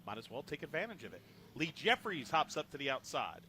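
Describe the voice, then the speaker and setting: A male race commentator with a bright, forceful tone and a slightly higher pitch calls the action from a trackside booth. His voice jumps up and gets louder on green flags and wrecks, then drops back into relaxed joking. Faint track ambience and engine noise sit underneath. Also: brisk. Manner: rises sharply in pitch and volume on restarts and wrecks, joking banter between calls. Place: announcer booth at a racetrack.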